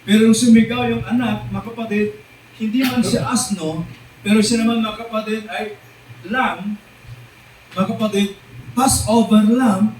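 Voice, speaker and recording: A man's voice: high-pitched, fairly even intonation, a crowd in the background. A man with a Filipino accent preaching a sermon, mixing English scripture with Tagalog and calling the congregation brothers and sisters. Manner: drawn-out, emphatic quoting of lines. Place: church hall. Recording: echoey church hall recorded from a distance.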